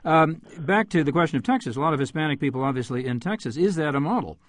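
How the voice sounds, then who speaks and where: A man's voice: fairly high pitch, animated, no echo, clean studio sound. A man hosting a radio panel, asking questions with many fillers and stumbles. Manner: halting, stumbles over names, many fillers. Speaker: radio host.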